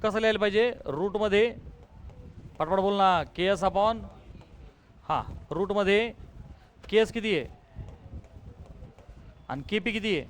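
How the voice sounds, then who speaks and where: A man with a Marathi accent teaching physics to a class, firing questions and pressing students to answer quickly. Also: sits high, a little hiss or hum. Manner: urges students to answer quickly, calls them "beta". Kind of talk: classroom lesson, drilling students.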